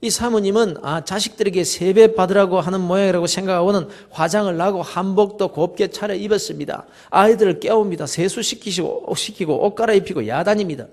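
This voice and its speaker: A male pastor, telling stories in a sermon and swinging from loud to soft. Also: high-pitched, brisk, hardly any pauses. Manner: storytelling, dramatic shifts between loud and soft.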